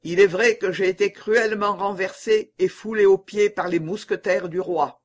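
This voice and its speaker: A man's voice: high-pitched, steady tone, moderate pace, voice pushed up. A man doing a flustered, fawning injured councillor. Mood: grateful. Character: timid, flustered male councillor, bedridden and injured. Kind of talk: audiobook novel reading.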